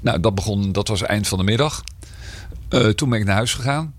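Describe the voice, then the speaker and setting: A man with a rather low voice, a mayor being interviewed for a podcast. He has a slight cold that roughens his throat, and he talks hesitantly, with many fillers and restarts. The sound is close and dry. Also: fairly quick, no room sound.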